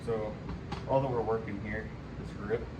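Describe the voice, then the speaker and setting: Gym bro guy doing a laid back workout vlog, kinda deep voice, really noisy hum behind him. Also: steady tone, moderate pace, distant mic. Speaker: fitness vlogger demonstrating arm exercises. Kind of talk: casual workout vlog talk to camera.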